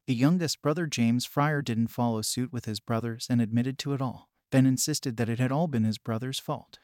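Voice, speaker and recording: A man reads scripted true crime narration in a measured, matter-of-fact way. His voice sits at a middling pitch. The sound is dry, with no room around it. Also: darkish tone, no room sound.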